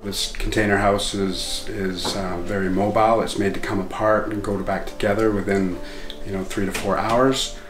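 A middle-aged man giving a casual tour of his container cabin, relaxed and hesitant with fillers. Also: fairly low pitch, normal speed, reverberant, music in the background. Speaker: container home builder. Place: outdoors on a hilltop and inside a container cabin.

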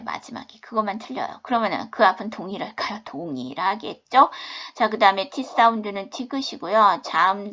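A woman's voice: mid-range voice, pushed and bright. A woman teaching a beginners' English phonics lesson, patiently spelling out words letter by letter. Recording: dull lo-fi video-class audio.

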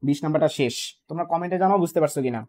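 Fast-talking young male physics tutor. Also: a little high, dark tone. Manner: fast, repetitive, checks in with "okay?" and "clear?". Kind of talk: online exam-prep class.

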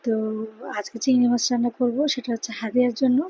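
Woman, Bangladeshi Bengali accent, hushed and tired cooking vlog voice-over, husky and dark tone, flat delivery. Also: fairly high pitch, fast, poor audio. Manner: speaks softly and quietly so as not to wake a sleeping child. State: tired after a sleepless night. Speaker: vlogger, mother cooking for her daughter.

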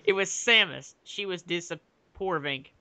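Casting: young male reader, bright, smooth voice, hams up the drama and giggles, dry close sound. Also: high-pitched, measured pace, no echo. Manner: giggly, jokey, hammy dramatic delivery. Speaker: fanfic reader and uploader. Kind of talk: mock-dramatic comedic reading.

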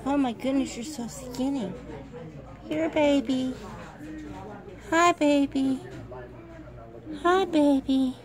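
A woman filming with a handheld phone in a pet store, softly coaxing puppies with repetitive baby talk. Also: high-pitched, slow, long pauses, crowd noise.

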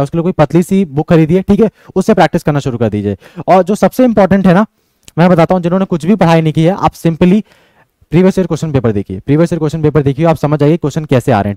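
A man's voice: a little high, dark tone, dry recording. A young man coaching students on exam strategy, direct and insistent, who keeps checking in with his listeners. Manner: fast, repeatedly checks in with "ठीक है?".

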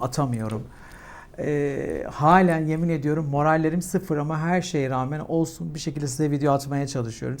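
Chatty young woman telling a dramatic story. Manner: animated, dramatic storytelling that climbs in pitch when agitated. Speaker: mukbang vlogger. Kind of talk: casual chat while eating. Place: at home. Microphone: clip-on mic.

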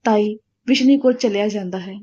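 A woman storyteller reading a story aloud, in a plain, steady way. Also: mid-range voice, brisk. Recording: dull lo-fi recording.

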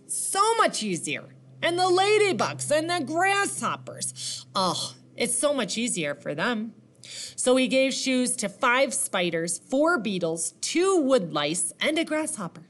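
A woman reading a picture book aloud to children like a teacher, animated, asking questions and counting along. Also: fairly high pitch.

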